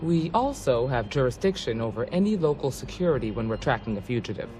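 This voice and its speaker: A woman voices an earnest, folksy female ranger recruiter in a video game, her delivery serious and measured. Her voice rumbles low with big pitch swings and she talks fast, while a loud music bed in the game audio makes the background noisy.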